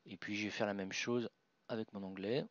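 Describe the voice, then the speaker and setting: A man presents a software tutorial, talking through each click on his screen with fillers and restarts. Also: lowish voice, steady tone, brisk, dry recording. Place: at a computer. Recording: dull, dry voice-over with mouse clicks.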